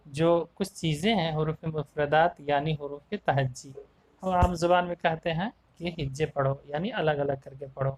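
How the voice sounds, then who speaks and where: A man teaching a tajweed lesson to young children, explaining each term, repeating it slowly and sounding out single Arabic letters one by one. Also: fairly high pitch, a little mellow, rough recording. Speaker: Quran teacher.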